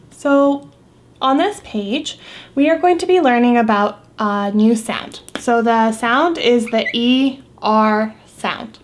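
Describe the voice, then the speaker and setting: Slow, patient woman teaching phonics. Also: fairly high pitch, a little hiss or hum. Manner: patient, repeats example words slowly. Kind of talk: recorded phonics lesson for young students.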